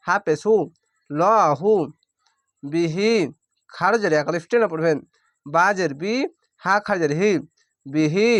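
A man's voice: high-pitched, fairly bright tone, no room sound, studio quality. Man patiently spelling out recitation. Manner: spells syllables out plainly, then draws out recited words slowly. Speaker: Quran reading teacher. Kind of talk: spelling-out Quran lesson.

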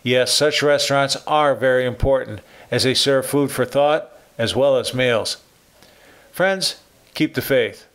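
A man in his sixties with an American accent, reading his own opinion column in a measured, earnest way. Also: medium pitch, a bit bright. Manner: measured, earnest commentary delivery. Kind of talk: scripted narration.

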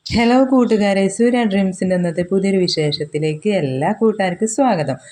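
A woman's voice: mid-range voice, fairly quick. A woman from the region with a cold and sore throat, chatting casually to viewers while cooking in her home kitchen, filmed on a handheld phone. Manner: chatty, warm address to viewers as friends, frequent tag words. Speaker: vlogger, mother.

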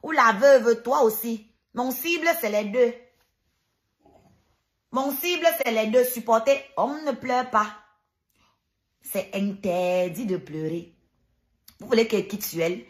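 A woman live streamer hosts a heated rant, combative and sarcastic, hammering each point home through emphatic repetition. Her voice is fairly high-pitched, and she speaks slowly with long pauses.

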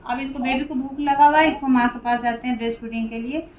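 A nurse demonstrating a medical check, explaining each step plainly and patiently. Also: female voice, sits high, steady tone, fast, echoey room, highs cut off, very noisy.

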